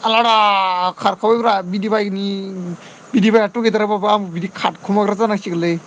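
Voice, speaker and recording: A man's voice: high voice, fairly even intonation, normal speed, fairly bright tone, a little hiss or hum. A man chatting casually on a livestream, reading out viewer comments and pleading for comments and friend requests. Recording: dull lo-fi sound.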